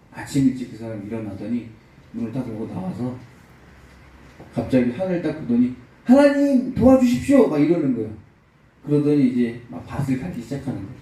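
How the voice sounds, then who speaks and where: Korean pastor preaching in an echoey hall. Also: male voice, mid-range voice, mellow, distant mic. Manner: storytelling with acted-out quotes, rising to emphatic peaks. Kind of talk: sermon. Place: church sanctuary.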